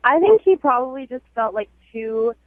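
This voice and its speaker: A woman's voice: a little high, lively intonation, normal speed, no echo. An American woman calling a radio show, chatting casually and hesitantly, peppering her talk with "like", over a phone. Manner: hesitant, heavy use of "like". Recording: narrow tinny phone line.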